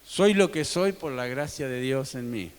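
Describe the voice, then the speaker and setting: A man preaching a sermon as pastor, swinging between loud emphatic peaks and soft, low drops. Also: lively intonation, measured pace, clean tone. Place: church sanctuary. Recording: long reverb of a church hall.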